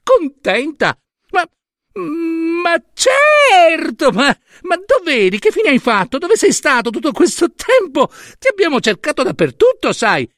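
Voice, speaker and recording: Man doing a high, stammering, fake-sweet goddess mother, lively swoops, dry sound. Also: a little slow, dry recording, heavily acted. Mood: gushing. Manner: gushing, stammering, shrill. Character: fawning insincere queen goddess, mother.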